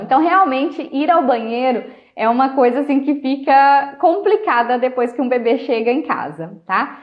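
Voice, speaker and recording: A woman talking casually on a live stream, chatty, laughing often and trailing off softly at the ends of phrases. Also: sits high. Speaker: host. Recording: dull lo-fi live-stream audio.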